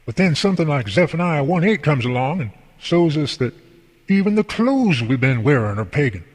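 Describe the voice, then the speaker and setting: In an amateur radio drama, a male actor with a voice on the high side plays a folksy, devout boss and mentor who explains things earnestly and at length. The recording carries a long hall reverb.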